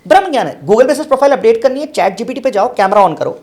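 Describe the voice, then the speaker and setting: A man's voice: extremely high pitch, lively intonation, fast, a little mellow. A man speaking as a guest on a business podcast, giving emphatic, instructive advice and repeating his points in lists. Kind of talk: casual podcast interview, advice.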